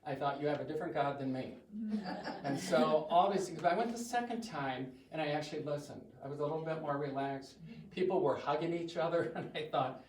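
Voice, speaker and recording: This guest speaker, an older man from the US Midwest with a booming voice pitched on the high side, talks fairly quickly and jokes at his own expense while addressing a church congregation. The audio carries slight hiss or hum and comes from far off in a reverberant church hall.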